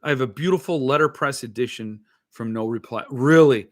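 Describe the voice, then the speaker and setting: This book-collecting show host, speaking fairly quickly in a mid-range voice, rambles casually about his interests. He thinks aloud hesitantly and keeps drifting into asides, and his lisp leaves his s sounds slushy.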